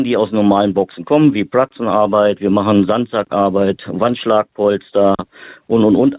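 A man's voice: on the low side, no echo. A man from Berlin, a boxing therapist and lecturer, talking as an interview guest in loose, run-on sentences full of fillers. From Berlin, Germany. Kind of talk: interview guest, casual explaining. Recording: tinny phone-line audio.

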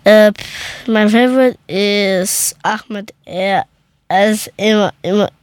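A woman's voice: mid-range voice, slow, smooth, no room sound, clean studio sound. A woman speaking simple, blunt learner's German and mixing in English words. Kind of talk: casual conversation, learner German.

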